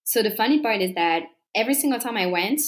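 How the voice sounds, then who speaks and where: A woman's voice: on the high side, animated, fast talker. A woman in her thirties with a French accent, chatting as an interview guest, with plenty of fillers and frequent laughter. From France. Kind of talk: casual conversational interview.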